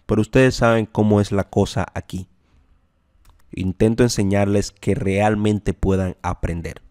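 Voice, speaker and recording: Slow, deep-voiced male language teacher. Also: dark tone, no echo, studio quality. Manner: slow, repeats example sentences. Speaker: English teacher. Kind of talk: language lesson.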